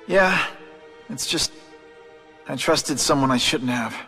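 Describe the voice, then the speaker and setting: A man's voice: medium pitch, slow pace, bright, forceful tone. A man with an American accent voicing an earnest, troubled young superhero in a video game cutscene. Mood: regretful. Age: young adult. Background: background music.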